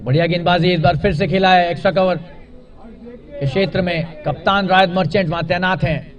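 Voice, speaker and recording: A man's voice: high-pitched, fairly even intonation, normal speed, distant mic. A man giving live cricket match commentary, describing the play in short phrases.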